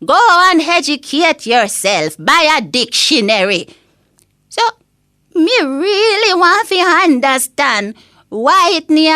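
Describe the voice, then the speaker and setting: A woman's voice: sits high, bright, forceful tone, no echo, studio quality, heavily acted. A woman playing a cranky, opinionated old Jamaican granny in a comic audio rant, scolding and indignant, full of rhetorical questions.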